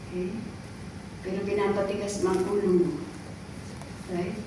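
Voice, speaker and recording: A woman's voice: mid-range voice, flat delivery, normal speed, warm tone, a little hiss or hum. Woman preaching in an echoey hall. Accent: Filipino. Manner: Taglish preaching, asks "okay?" and "right?" often. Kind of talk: sermon. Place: church hall. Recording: echoey hall recorded from far off.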